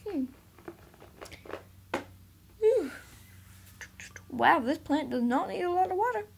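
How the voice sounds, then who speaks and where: High, playful woman reviewing toys. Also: expressive, takes it slowly, gravelly. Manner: chatty, giggly, playful. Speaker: toy reviewer. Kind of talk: casual toy unboxing chat. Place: carpeted room indoors.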